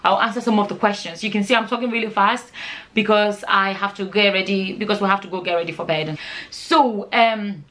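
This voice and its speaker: Her voice is mid-range, steady, slightly bright, and a little fast: a forty-year-old woman from Nigeria vlogging informally. The channel host answers viewer questions in a chatty manner, repeating words and phrases for emphasis.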